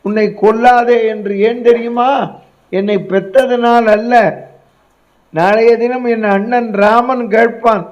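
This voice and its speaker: A man's voice: high voice, takes it slowly, darkish tone, pitched above the performer's own voice, poor audio. A man voicing a grief-stricken, furious young prince in a storytelling discourse, declaiming with indignation.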